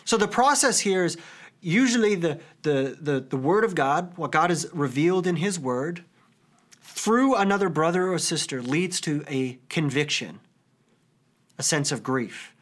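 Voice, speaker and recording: A man in his thirties preaches with an earnest, conversational warmth, slipping easily into personal stories with a few casual fillers. His voice sits a little higher than most men's. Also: lively intonation, measured pace. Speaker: pastor. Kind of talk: sermon.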